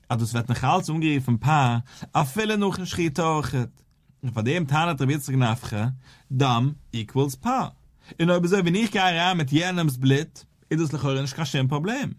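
A man's voice: a little high, no echo. A rabbi teaching a daily Talmud lesson. He explains step by step, posing and answering questions in a sing-song study cadence.

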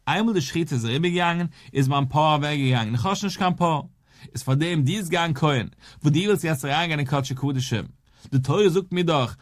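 A man with a slightly higher voice gives a Talmud lesson as a rabbi. He moves through the argument step by step, putting questions and answering them in a rising, sing-song study cadence. The sound is close and dry. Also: dry recording.

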